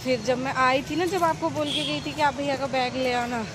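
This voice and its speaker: A woman's voice: sits high, fairly even intonation, normal speed, music in the background. A young woman, chatting and complaining in a casual home vlog. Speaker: vlogger. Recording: noisy outdoor phone recording.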